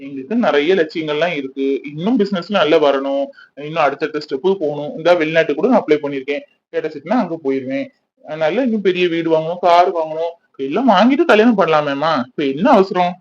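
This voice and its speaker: An irritable young man in a cartoon grumbles and mocks in quick bursts, voiced by a man. His voice sits a little high and the words come fast. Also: highs cut off, natural voice. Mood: dismissive. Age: 20s. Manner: sarcastic, grumbling, impatient. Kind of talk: cartoon voice acting.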